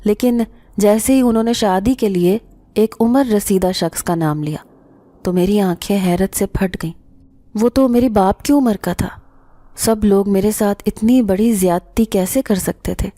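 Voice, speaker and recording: A woman storyteller giving a scripted first-person horror narration in a steady, measured reading. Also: mid-range voice, dry recording.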